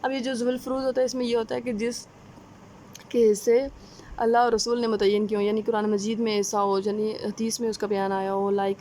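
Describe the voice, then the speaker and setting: A woman with a Pakistani Urdu accent giving a conversational exam-prep lecture, often pausing with fillers and checking-in tags. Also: on the high side, flat delivery, dark tone, a little hiss or hum. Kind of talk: explanatory lecture.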